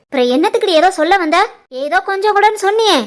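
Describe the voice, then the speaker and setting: A haughty cartoon mother-in-law, voiced by a woman who throws out insults and threats in a very high, piercing voice. She has a southern Tirunelveli Tamil accent and a domineering, scornful manner. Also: expressive, quick pace. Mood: scornful, threatening. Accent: southern Tamil Nadu (Tirunelveli) Tamil. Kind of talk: animated family drama voice acting.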